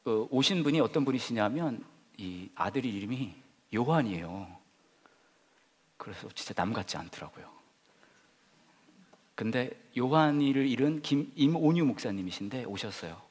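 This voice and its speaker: A male pastor giving an Easter sermon. He swings from loud, emphatic lines to soft, whispered confessions. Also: mid-range voice, lively intonation, normal speed, husky. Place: church sanctuary. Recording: reverberant hall.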